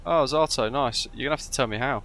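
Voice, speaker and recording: Bright, gravelly male flight-sim streamer. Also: mid-range voice, fairly even intonation, rapid-fire, a little hiss or hum. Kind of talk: casual live commentary with checklist callouts.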